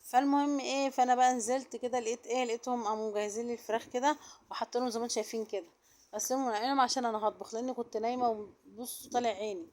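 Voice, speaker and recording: Fast-talking Egyptian woman vlogger. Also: steady tone. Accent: Egyptian Arabic. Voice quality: soft, low-volume voice. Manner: chatty, addresses viewers directly. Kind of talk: casual vlog narration.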